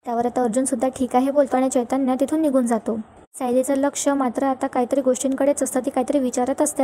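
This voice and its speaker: Woman, serial recap narration, fast delivery, mellow tone. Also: high-pitched, slight background noise. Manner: retells scenes, reading characters' lines in her own voice. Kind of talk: fast storytelling recap with quoted dialogue.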